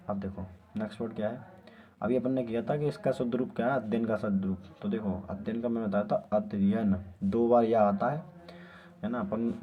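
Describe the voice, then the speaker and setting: Low-voiced male Hindi teacher. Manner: casual, repeats words slowly for emphasis. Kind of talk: exam-prep Hindi spelling lesson. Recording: dull lo-fi recording.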